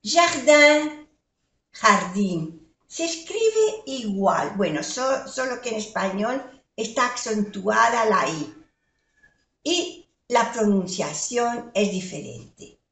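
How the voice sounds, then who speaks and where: An older woman gives a patient language lesson, spelling out letters and repeating each word at a very slow, deliberate pace. Her voice sits a little high. The recording has a noticeable room echo. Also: big pitch swings. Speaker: French teacher. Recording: echoey room.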